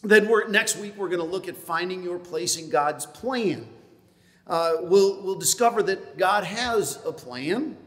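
A man's voice: high voice, lively intonation, measured pace, fairly bright tone. A man preaching a folksy sermon as pastor, joking and dropping in lots of fillers. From upstate New York. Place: church sanctuary. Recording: long hall reverb in a church.

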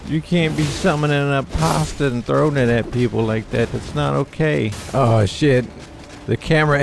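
Gravelly young man cursing at a game. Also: medium pitch. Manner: profane, excitable, talks back to enemies. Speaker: gaming YouTuber. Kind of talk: casual let's play commentary. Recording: game music behind voice.

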